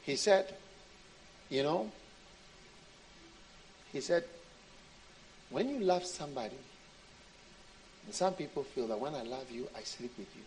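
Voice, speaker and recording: A Swiss preacher with a slightly high voice and lively intonation delivers an informal, conversational sermon full of anecdotes and jokes. He speaks at a measured pace with long pauses, repeating phrases for emphasis and addressing his congregation directly. His tone is darkish, and the poor audio carries live audience sound and slight background noise.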